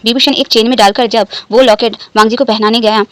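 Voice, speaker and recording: A woman's voice: on the high side, steady tone, fairly quick, dry recording, poor audio. Woman narrating a story, close and dry. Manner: narrates and voices all characters lightly without strong character voices. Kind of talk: storytelling narration of fan fiction.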